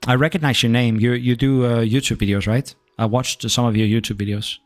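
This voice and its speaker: Over soft background music, a young Danish man with a Danish accent speaks briskly at medium pitch with fairly even intonation. He's streaming a game, chatting casually with viewers in a laid-back way and swearing now and then.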